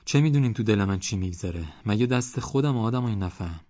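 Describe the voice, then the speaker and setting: A man's voice: lowish voice, lively intonation, mellow, no room sound, dull audio, close to an everyday voice. A man voicing an emotional, blunt old village man who weeps openly. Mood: plaintive.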